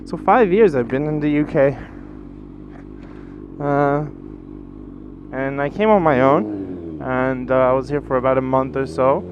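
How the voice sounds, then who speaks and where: Speaking in a mid-range voice at a measured pace with long pauses, a Brazilian motorcycle vlogger in his twenties chats casually while riding city streets, loose and rambling with fillers and restarts. His action camera, mounted on the bike, yields muffled audio with loud engine and road noise.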